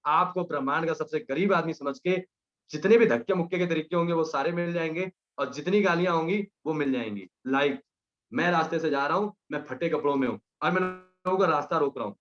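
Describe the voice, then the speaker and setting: A young man gives a motivational speech in a fairly high voice. He drives his points home with emphasis and keeps repeating his punchlines. The recording is slightly muffled and lo-fi. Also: fairly bright tone. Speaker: motivational team leader.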